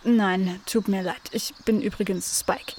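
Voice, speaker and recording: A woman voicing a sleepy, polite male hedgehog in a children's story, talking slowly and drowsily. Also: steady tone, darkish tone, a little hiss or hum, natural voice. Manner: slow, drowsy, low-key.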